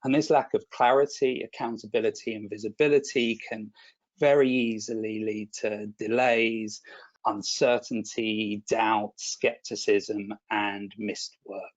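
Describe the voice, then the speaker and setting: A man's voice: on the low side, fairly even intonation, a little slow, dull audio. A man presenting a product webinar in a chatty, self-deprecating way, often restarting and repeating words.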